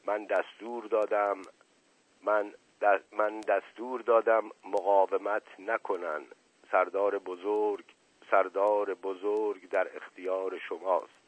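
A man's voice: fairly low pitch, level tone, dry recording, phone-quality sound, close to an everyday voice. A man playing a frail, trembling old man. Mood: solemn. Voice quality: trembling, moaning voice.

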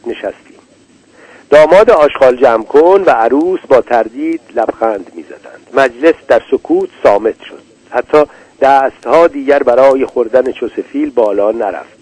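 A man reading a literary story aloud in a measured, deliberate way. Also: medium pitch, darkish tone, no echo, rough recording. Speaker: narrator. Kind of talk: literary audiobook narration.

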